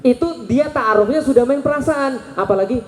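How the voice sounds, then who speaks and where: A man in his thirties giving a lively religious talk to a live audience, questioning the crowd and joking. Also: very high-pitched, moderate pace, a little hiss or hum. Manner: animated, asks the crowd questions and jokes. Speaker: Islamic preacher. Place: large hall with an audience. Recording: echoey hall recording.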